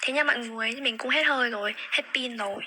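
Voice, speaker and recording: A woman's voice: fairly high pitch, fast, rough recording. A young woman, chatting casually on a phone livestream and repeating words as she searches for them. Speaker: livestream host. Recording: phone livestream with steady background noise.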